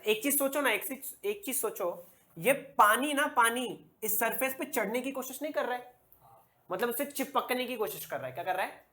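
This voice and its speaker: A male physics teacher giving a classroom lecture, posing questions and answering them himself, repeating key words slowly. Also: extremely high pitch, lively intonation, sharp tone.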